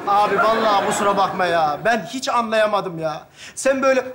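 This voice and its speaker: A man's voice: high voice, a little fast, a crowd in the background, background noise. A man acting in a stage comedy sketch, laughing while he tells a long tale. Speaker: sketch comedy actor playing a friend.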